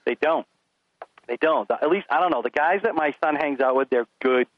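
Animated dad on a phone line. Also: male voice, a little high, normal speed, no room sound. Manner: animated storyteller acting out his kids and himself. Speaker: podcast guest. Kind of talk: casual chat.

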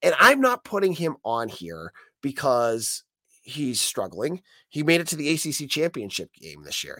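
Hoarse, croaky American man hosting sports podcast. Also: mid-range voice, bright, forceful tone, no echo. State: sick, hoarse voice. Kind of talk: solo sports commentary, conversational.

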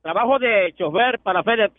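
A man's voice: high voice, moderate pace, no echo. A man calling in to a radio show, answering cheerfully in short replies. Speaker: radio caller. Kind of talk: phone call to a radio show. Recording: tinny phone line.

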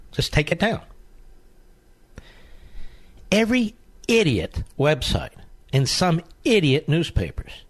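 A man hosting a talk radio show, delivering an indignant, sarcastic monologue and taking calls. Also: mid-range voice. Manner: indignant, sarcastic, mocking opponents.

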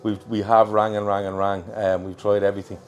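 An Irish man hosts a football show from a Liverpool pub as a casual live chat, colloquial and matey. His voice is fairly low and flat, a little fast, and comes through a worn mic.

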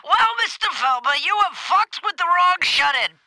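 A man's voice: very high voice, lively intonation, normal speed, gravelly, sharp tone, dry recording, exaggerated voice. An actor playing a pushy, indignant man who runs a community theater, calling in to a comedy show with a theatrical, pompous manner. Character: pushy older male theater-owner fixer, indignant. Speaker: comedy phone caller. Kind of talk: improvised comedy call-in.

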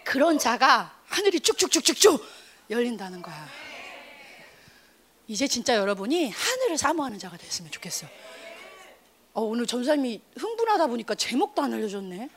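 A young woman youth pastor preaching an energetic sermon to teenagers, emphatic and animated, calling out for responses from the room. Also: on the high side, fairly quick, pauses often, a little hiss or hum.

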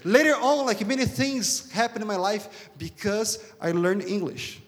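A Brazilian man whose first language is Portuguese preaches a sermon to a congregation with a Brazilian accent. His high voice is animated but a little slow, and he speaks emphatically, repeating himself and asking rhetorical questions. The recording has a reverberant hall sound.

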